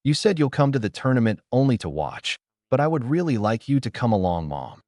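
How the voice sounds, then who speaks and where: A man voicing an eager, cheerful young boy who excitedly pleads with his mother in a storybook reading. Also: medium pitch, fairly quick, dry recording, clean studio sound, close to an everyday voice. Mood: pleading.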